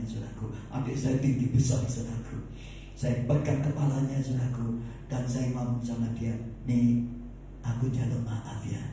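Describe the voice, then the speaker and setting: Impassioned preacher in an echoey hall. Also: male voice, mid-range voice, slight background noise. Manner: impassioned, rises to shouts, repeats "saudaraku". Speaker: pastor. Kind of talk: sermon. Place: church hall. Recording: echoey hall, heard from a distance.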